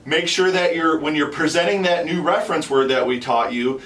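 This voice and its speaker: A man's voice: fairly high pitch, fairly quick, fairly bright tone. A man in his thirties hosting an unscripted instructional talk, explaining step by step and repeating his phrases as he goes. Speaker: host and duck calling instructor. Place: small wood-panelled shop room, indoors. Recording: roomy, distant, noisy pickup.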